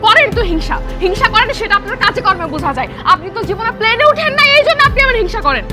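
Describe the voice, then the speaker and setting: An actress playing a spiteful, bossy wife. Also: female voice, very high voice, very animated, very fast, loud music behind the voice, a loud crowd. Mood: scornful. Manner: scornful, bossy. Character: cruel, arrogant young wife, spiteful. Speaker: daughter-in-law. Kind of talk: TV drama acting.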